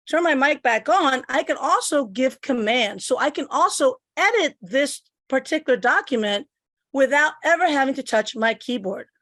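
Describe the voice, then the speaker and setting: Sitting at her computer, a middle-aged woman from Puerto Rico walks through an instructional screen demo, narrating each click along the way. Her voice sits high with a fairly bright tone, captured dry on a computer mic.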